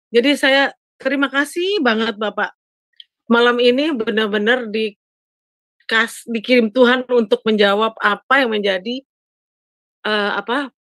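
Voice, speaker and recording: Her voice is fairly high with a somewhat bright tone, captured in a studio with no echo. An older woman on the line to a pastor, she tells him a personal story conversationally, frequently checking for his agreement and adding "Pak, ya."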